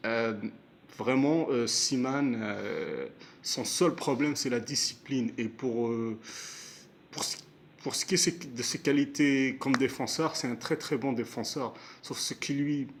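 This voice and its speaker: A man shares his view of a football match at an unhurried pace. He pauses often, fills gaps with hesitation sounds and restarts his sentences, and his voice sits at an ordinary middle pitch. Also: a little hiss or hum. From Canada, Montreal area. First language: Moroccan heritage; first language not stated. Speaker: amateur football commentator. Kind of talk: casual spoken match analysis.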